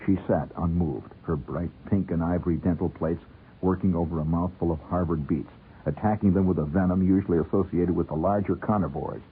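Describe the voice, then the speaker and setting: A little fast and low-voiced, a middle-aged American radio host tells a humorous story conversationally, wry and theatrical, savoring ornate language. The muffled, narrow-band old broadcast carries a little hiss or hum.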